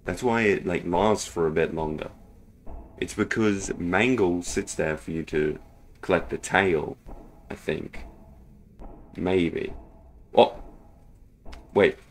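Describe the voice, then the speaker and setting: A man hosting a casual horror game playthrough, thinking out loud and exclaiming at scares. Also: sits low, slow, long pauses, a little hiss or hum. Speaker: gaming video host.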